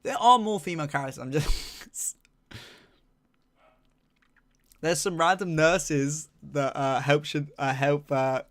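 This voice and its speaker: A man's voice: fairly high pitch, slow pace, long pauses. A young man chatting casually on a live stream, reading chat and rambling with lots of fillers while humming to himself.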